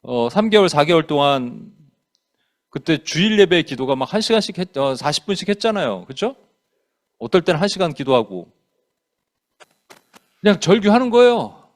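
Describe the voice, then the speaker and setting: Animated high-voiced male pastor preaching. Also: normal speed, pauses often. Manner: animated preaching, mixing in English phrases, acting out quoted prayers. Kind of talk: sermon. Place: church sanctuary.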